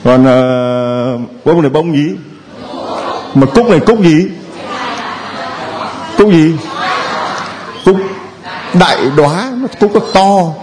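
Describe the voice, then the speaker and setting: A man's voice: on the high side, slow pace, long pauses, crowd noise, background noise. A man preaching a homily who keeps a playful tone, quizzing the congregation with questions and chuckling between points. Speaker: priest.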